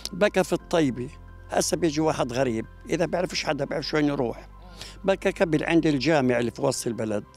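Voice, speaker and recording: A man's voice: fairly high pitch, gravelly, a little mellow. A man, reminiscing about old village life in an outdoor interview, speaking into a handheld mic in a garden. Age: 80s. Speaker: elderly local resident. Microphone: handheld mic held by interviewer.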